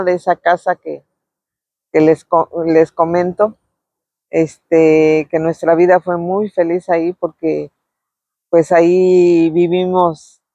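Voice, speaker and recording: A middle-aged woman, fondly telling memories of her youth in a casual, unhurried way, pausing often on filler words. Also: on the low side, warm tone, no echo, dull audio. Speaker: vlogger sharing memories. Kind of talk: casual reminiscing storytelling.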